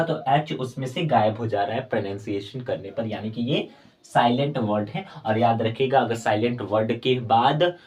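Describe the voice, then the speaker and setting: Man teaching English grammar. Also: medium pitch. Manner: explains by repeating words, addresses viewers as friends. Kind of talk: classroom-style grammar lesson.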